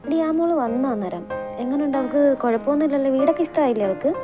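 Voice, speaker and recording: A woman's voice: high voice, lively intonation, very fast, dull audio, over music. A woman doing a nagging, scolding mom. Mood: curious. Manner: scolding, questioning. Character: nagging, worried middle-aged mother. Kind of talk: amateur audio drama.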